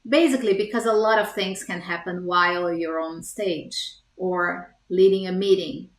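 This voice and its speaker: A woman's voice: lowish voice, steady tone, moderate pace, echoey room. A woman from Brazil with a Brazilian Portuguese accent, a storytelling coach talking earnestly and conversationally to the camera, often asking the viewer direct questions. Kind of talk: scripted talking-to-camera vlog.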